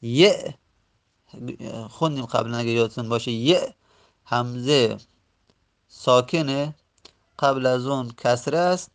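A man teaching an Arabic grammar lesson, reciting verb forms slowly and repeating them, pausing often and correcting himself. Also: mid-range voice, vocal fry. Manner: slow, repetitive recitation of word forms; self-correcting, with frequent pauses.

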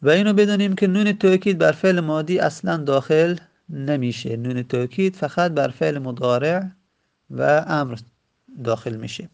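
A man gives a grammar lesson in a slightly high, gravelly voice. He repeats each example and stretches it out slowly. Hesitant fillers break up his explanations. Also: a little mellow. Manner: slow, repeats words and drawls examples. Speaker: teacher.

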